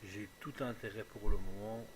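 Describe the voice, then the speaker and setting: A man's voice: fairly low pitch, steady tone, normal speed. A man giving casual, jokey let's play commentary, musing aloud as he plays. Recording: clearly noisy home recording.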